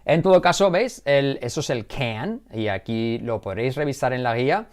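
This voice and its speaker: A man's voice: mid-range voice, lively intonation, moderate pace. A man teaching English in a live online class, chatty and joking as he explains. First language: Spanish. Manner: chatty, explains with jokes and asides.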